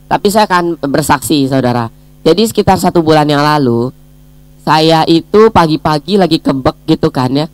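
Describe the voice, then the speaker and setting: A woman's voice: sits low, no echo. A woman leading a daily devotional, praying earnestly and then telling a personal testimony to her listeners. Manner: storytelling, addresses listeners as brothers and sisters; prays in a gentle, earnest tone. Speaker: devotional speaker.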